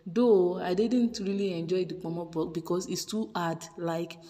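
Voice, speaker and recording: A woman's voice: lowish voice, fairly even intonation, normal speed, mellow, long reverb tail. A woman chatting through a home cooking vlog voice-over, repeating words for emphasis. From Nigeria. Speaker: cooking vlogger. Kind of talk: casual voice-over narration.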